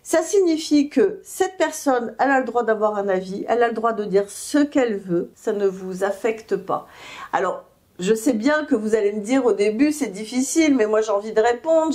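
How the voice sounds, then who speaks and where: A woman's voice: on the high side, dark tone. A woman giving self-help advice, explaining steps didactically and often checking in with listeners, with hesitant fillers between phrases. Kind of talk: advice talk to camera.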